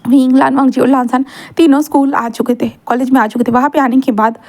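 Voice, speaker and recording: A woman's voice: high voice, flat delivery, quick pace, a little mellow. A woman telling a fan-fiction story in a casual style, mixing in English words and repeating linking phrases.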